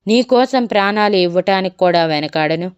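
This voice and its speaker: A woman's voice: medium pitch, lively intonation, moderate pace, clear, resonant tone, dry recording, lightly acted. A woman voicing a young woman in love who pleads through tears. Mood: tearful pleading. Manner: crying, pleading.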